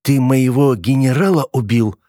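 A man voicing an angry, hot-tempered young man who shouts and swears. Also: medium pitch, normal speed, no room sound, studio quality, pitched above the performer's own voice, lightly acted. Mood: bitter angry. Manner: shouting, crude.

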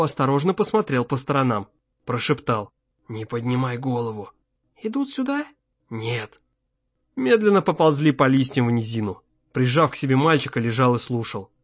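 A man narrating an audiobook in a measured, tense storytelling manner. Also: medium pitch, no room sound. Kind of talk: scripted narration. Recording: slightly muffled, dry.

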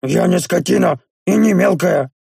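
A small, touchy bearded gnome, put on by a male audiobook reader. His voice sits high and is husky and gravelly, and he protests in broken grammar. The recording is dry and close. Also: moderate pace, a little mellow, no echo, exaggerated voice. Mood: offended. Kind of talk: audiobook character voice.

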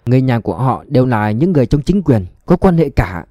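A man voicing a deferential young police subordinate who speaks politely and quietly. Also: mid-range voice, very animated, quick pace, dry recording, studio quality, close to an everyday voice. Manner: polite, subdued.

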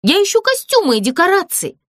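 A woman's voice: extremely high pitch, huge pitch swings, fairly quick, a bit bright, dry recording, clean studio sound, pitched above the performer's own voice, heavily acted. A woman voicing an earnest, determined young girl doll who speaks up indignantly.

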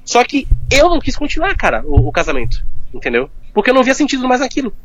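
A man's voice: very high-pitched, huge pitch swings, fairly bright tone, muffled recording, a little hiss or hum. A man, a guest talking candidly and informally, packing his speech with fillers. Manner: fast, informal, full of fillers like "cara". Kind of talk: candid personal conversation.

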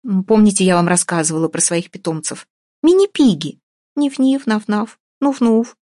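A woman's voice: medium pitch, lively intonation, normal speed, warm tone, dry recording, clean studio sound, voice pushed up, lightly acted. A woman reading an audiobook, voicing a pushy, sarcastic young woman who argues with everyone. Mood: wheedling. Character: brash feisty young woman, gingerbread seller.

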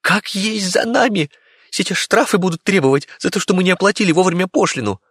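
A man voicing a small, excitable male rat in an audiobook reading, with a squeaky, frantic manner. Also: fairly quick, husky, no echo, clean studio sound, heavily acted. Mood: panicked. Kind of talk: audiobook character voice.

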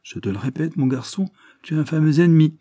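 A man's voice: medium pitch, moderate pace, breathy edge. A man reading aloud and voicing a phlegmatic Irish man who answers his friend coolly and lectures him. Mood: coolly firm. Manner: calm, dry and lecturing.

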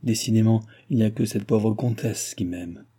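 A man with a husky, lowish voice and a dark tone reads an audiobook at a moderate pace. He voices an aging king who is furious and full of self-pity, grumbling and exclaiming bitterly in a brooding mood.

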